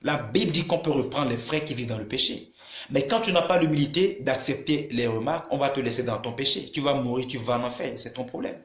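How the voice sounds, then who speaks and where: A man's voice: medium pitch, fairly quick, roomy sound. A man preaching a sermon to a video audience, emphatic and repeating his phrases as he addresses listeners directly.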